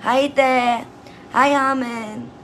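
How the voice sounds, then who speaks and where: A hoarse woman hosting a casual livestream, chatty and teasing as she greets viewers. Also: high voice, steady tone, extremely slow, fairly bright tone, a little hiss or hum. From Southern Leyte, Philippines. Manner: chatty, teasing, laughs often. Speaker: livestream host.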